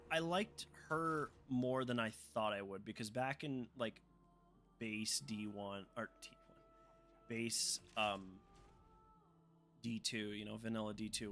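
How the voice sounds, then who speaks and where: A man's voice: medium pitch, a bit bright. A young man chatting casually on a game livestream, rambling with lots of fillers and restarts. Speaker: gaming streamer. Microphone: desk microphone. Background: game music.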